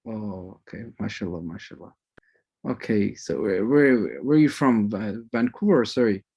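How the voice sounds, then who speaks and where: A man instructor chatting warmly and rambling a little as he greets students on a video call, sprinkling in religious phrases. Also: lowish voice, animated, normal speed, husky, muffled recording. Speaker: course instructor. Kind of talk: casual chat greeting an online class.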